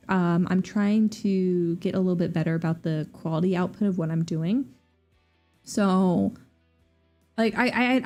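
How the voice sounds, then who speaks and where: A young woman chatting casually on her stream, lively and squeaking high when she quotes people. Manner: animated, jumps to high squeaky voices when quoting people. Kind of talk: casual chat. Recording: faint music behind.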